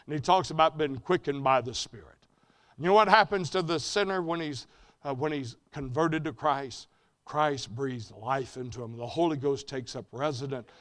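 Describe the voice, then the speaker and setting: A male preacher delivers a sermon in a bright, forceful voice pitched a little high. He climbs to loud, emphatic peaks, then sinks back to a low, quiet delivery. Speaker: preacher at a mission conference.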